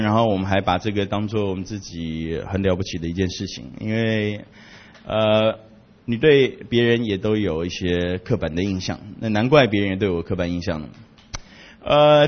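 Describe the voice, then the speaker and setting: A man from Taiwan, a missionary giving a humorous storytelling talk in an animated, joking way. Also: dull audio. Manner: animated, jokey, big swings in pitch and loudness.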